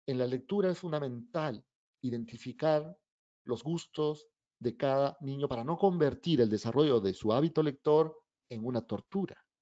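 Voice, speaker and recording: A man's voice: mid-range voice, dry recording, muffled recording. A middle-aged children's author giving an anecdotal talk, acting out the dialogue in his stories. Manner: animated storyteller acting out dialogue.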